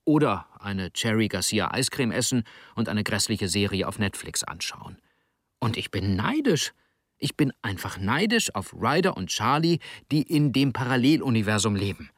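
A gruff, remorseful middle-aged man talks bluntly and pleads, as an audiobook reader puts him on. The voice sits fairly low. The recording is close and completely dry. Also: big pitch swings, moderate pace, dry recording. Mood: wistful.

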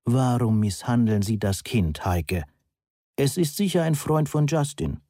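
A man doing a calm, thin old man. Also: mid-range voice, no echo, clean studio sound, voice pushed up. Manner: calm, measured. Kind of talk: audiobook character voice.

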